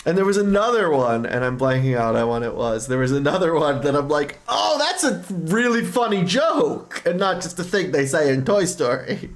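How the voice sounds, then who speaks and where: Brisk and expressive with few pauses, this medium-pitched streamer reads out a game's dialogue and rambles casually about movies. Music plays behind the voice throughout.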